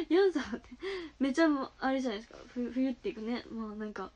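A bubbly young woman with a high voice chats casually on a live stream. She giggles often and reacts brightly to viewer comments. Her voice comes through a phone mic indoors. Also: big pitch swings, quick pace.

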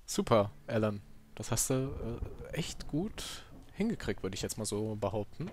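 A man's voice: lowish voice, big pitch swings, normal speed, noisy background. A man giving casual, joking commentary while playing a video game, with sarcastic asides. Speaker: let's player.

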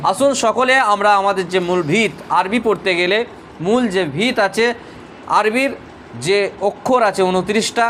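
High-voiced man leading a Quran class. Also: a bit bright, slight background noise. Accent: Bengali. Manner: leads the class in call-and-repeat drills. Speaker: madrasa teacher.

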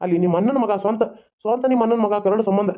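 A man's voice: high voice, fast talker, natural voice. A man voicing a stubborn, grumbling husband in a cartoon. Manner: grumbling, refusing. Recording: tinny phone-like sound.

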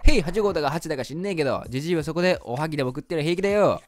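A man voicing a loud, rude young female rapper from a video game, talking roughly and mockingly. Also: a little high, animated, rapid-fire, natural voice.

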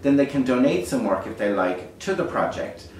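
An Irish man speaks in a lilting storyteller's way, casual and reflective. His mid-pitched voice rings in a very echoey space, picked up from a distance over faint noise. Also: very animated, moderate pace, a little mellow. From Ireland. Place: beside a small fire in a dark stone hearth. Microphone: distant camera microphone.

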